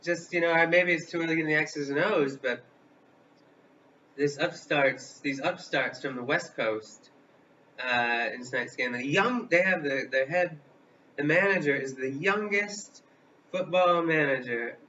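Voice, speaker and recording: A man in his thirties from the American Midwest, co-hosting a live vlog in a halting, rambling comic chat full of fillers and restarts. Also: on the high side, sharp tone. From Illinois, US Midwest. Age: 30s. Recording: distant mic, dull lo-fi sound, faint hiss.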